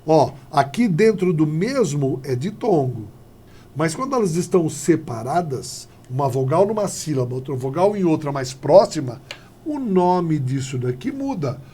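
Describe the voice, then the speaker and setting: Animated husky male teacher lecturing. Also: on the high side, a little slow. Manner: lively, animated, acts out little dialogues. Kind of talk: classroom grammar lecture.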